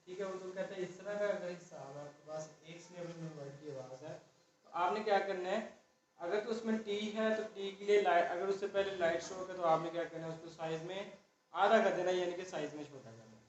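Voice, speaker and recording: A man teaching a shorthand class, explaining step by step and often checking in with the students. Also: sits high. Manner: slow, explaining step by step, repeating "ठीक है" often. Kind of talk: classroom lesson. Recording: dull far-off echoey room recording with faint noise.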